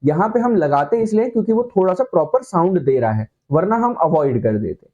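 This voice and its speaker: A man's voice: high-pitched, sing-song, brisk, dark tone, muffled recording. A man teaching an online shorthand lesson, explaining with playful comparisons and checking in with the class again and again.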